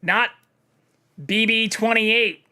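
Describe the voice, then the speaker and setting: A man's voice: high-pitched, steady tone, takes it slowly, bright, forceful tone, smooth. A man casually commenting on a game during a live stream, musing aloud and swearing freely.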